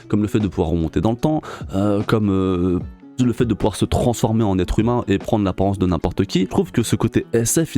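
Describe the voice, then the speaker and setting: Low-pitched man, casual manga review. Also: mellow. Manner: colloquial, slangy, talking straight to the viewer. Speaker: manga reviewer, video host.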